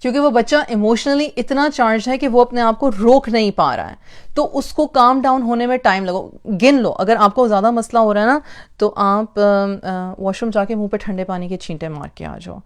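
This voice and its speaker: This is a parenting lecture from a woman whose pitch is fairly high and whose pace is normal. She drives her points home by repeating phrases and sprinkles in English words.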